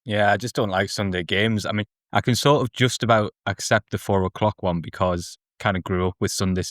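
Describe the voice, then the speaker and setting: A man's voice: lowish voice, fairly even intonation, brisk, no echo, studio quality. A man speaking casually as a guest football journalist, giving his view of a match.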